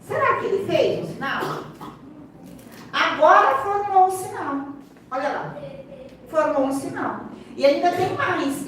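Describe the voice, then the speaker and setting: High-voiced Brazilian woman in echoey hall. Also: fairly bright tone. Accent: Brazilian Portuguese. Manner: instructive, keeps pointing the audience to the demonstration. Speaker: seminar speaker and sign language interpreter. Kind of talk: live seminar explanation. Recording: very echoey hall, distant mic, faint room noise.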